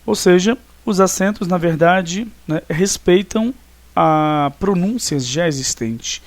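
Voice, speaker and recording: A man's voice: high voice, slow, no echo. Man teaching a grammar lesson. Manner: explanatory, asks questions and answers them, frequent "tá?" and "né?". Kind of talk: recorded online grammar lesson.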